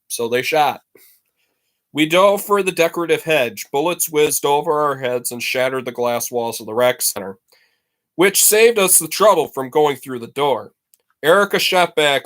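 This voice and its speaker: In a mid-range voice, a male teacher reads a book aloud to his class. He performs it dramatically and expressively, pressing deliberately on the key words.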